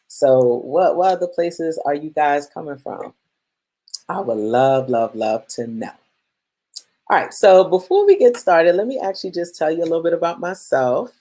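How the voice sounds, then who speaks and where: A woman's voice: low voice, mellow. Upbeat woman hosting a live cooking class. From Guyana, raised in Brooklyn. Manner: upbeat and chatty, greets viewers by name. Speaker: plant-based chef and health coach. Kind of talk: live-streamed masterclass talk.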